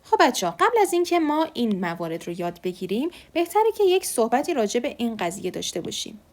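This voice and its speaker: A woman teaching Korean letters, patiently repeating each sound slowly. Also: fairly high pitch, sing-song, darkish tone. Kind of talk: online alphabet lesson.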